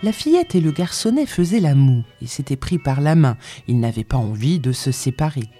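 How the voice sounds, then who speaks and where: A woman reading a literary story aloud as narrator, measured and expressive. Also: extremely low pitch, faint music behind.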